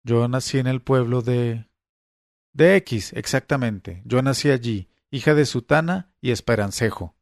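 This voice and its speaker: A man's voice: mid-range voice, unhurried, no room sound, studio quality, close to an everyday voice. A man reading the lines of an anxious woman who argues on the phone, insisting like a prosecutor. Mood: insistent. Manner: tense, argumentative. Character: nervous woman who feels watched.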